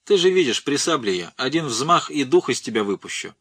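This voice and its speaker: A man's voice: mid-range voice, animated, moderate pace, sharp tone, breathy edge, exaggerated voice. A man voicing a swaggering young male rebel soldier who mocks and threatens an old man. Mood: taunting. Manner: mocking, bullying.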